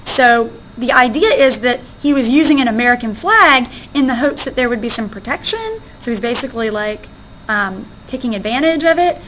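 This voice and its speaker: A woman's voice: fairly high pitch, expressive, normal speed, fairly bright tone, a little hiss or hum, low-quality recording. A woman history teacher giving a recorded classroom lecture, explaining step by step and checking in with "right?" often.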